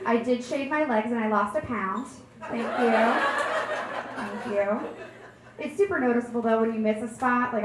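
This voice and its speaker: A young woman from New Jersey performing a stand-up comedy set on a club stage with a deadpan, self-deprecating delivery. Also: on the high side. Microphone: handheld stage mic. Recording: echoey club room with noise. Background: audience laughter.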